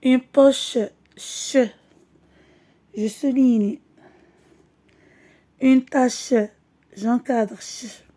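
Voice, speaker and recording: Woman teacher, high and mellow voice, slow and deliberate, repeats each word. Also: steady tone. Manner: switches between French and Arabic. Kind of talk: slow classroom lesson.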